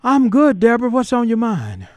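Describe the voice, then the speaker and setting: A man's voice: very high-pitched, huge pitch swings, normal speed, no room sound. A man hosting a call-in radio talk show, folksy and preacherly, voice rising and dropping in emphatic bursts. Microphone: studio microphone.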